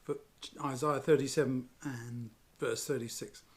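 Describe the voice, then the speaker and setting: A man teaching a Bible lesson, retelling the story in a lively, conversational way with asides. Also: mid-range voice, measured pace.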